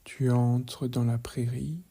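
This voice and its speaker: In a medium-pitched voice that is husky and marked by vocal fry, a man leads a guided relaxation session. He stays calm, measured, and gently instructive, keeping things soft and hushed and frequently sliding into a whisper.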